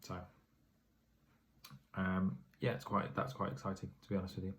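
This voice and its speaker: A tired man talks through his day in a casual vlog, his voice deep and flat, with little rise or fall. He rambles and corrects himself as he goes, and faint noise hums behind him. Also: moderate pace. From England. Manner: rambling, filler-heavy, self-correcting. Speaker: property investor vlogger.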